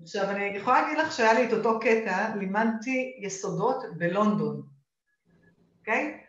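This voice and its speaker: A woman's voice: mid-range voice, animated. A woman with an Israeli accent coaching in a live session, emphatic and often checking in with short questions. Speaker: coach and course teacher leading a live session. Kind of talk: live coaching talk, questioning and addressing listeners. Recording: dull lo-fi, echoey room sound.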